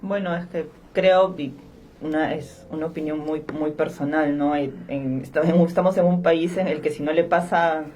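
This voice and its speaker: A woman hosts a discussion podcast, posing questions and chiming in conversationally with short remarks. Her voice sits a little low. A faint hiss lies behind the talk. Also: steady tone, normal speed, darkish tone. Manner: conversational, interjecting with short affirmations. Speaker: podcast host.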